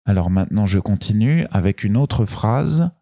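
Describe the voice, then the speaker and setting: In a slow beginner lesson, a man teaches French pronunciation, patiently repeating each sound and drawing out every syllable with care. His voice is lowish, expressive, and dark. The studio-quality recording has no room sound.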